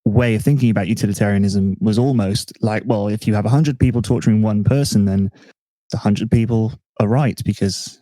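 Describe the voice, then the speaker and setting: A man hosting a casual podcast chat, relaxed and self-mocking, thinking aloud with restarts. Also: lowish voice, brisk, no echo. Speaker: podcast host.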